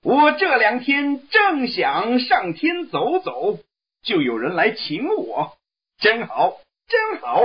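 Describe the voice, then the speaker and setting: A man voicing a brash, cocky male monkey king in a shrill, excited voice for a read-aloud story. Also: slow, slightly rough, heavily acted. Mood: delighted. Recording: dull lo-fi recording.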